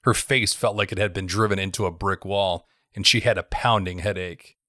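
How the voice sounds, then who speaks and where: A man narrating a thriller story in a steady, even storytelling voice. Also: low voice, moderate pace, dry recording, studio quality.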